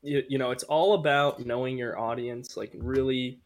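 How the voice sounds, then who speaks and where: A man's voice: mid-range voice, steady tone, moderate pace. A young man co-hosting a casual podcast chat, joking and swearing with frequent laughs. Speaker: podcast co-host.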